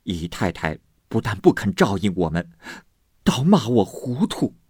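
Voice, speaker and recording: A man reading aloud voices a flustered old female servant who talks in a frantic, high, wailing way. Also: very animated, unhurried, a little mellow, slightly rough, no echo, studio quality, full character voice. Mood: aggrieved.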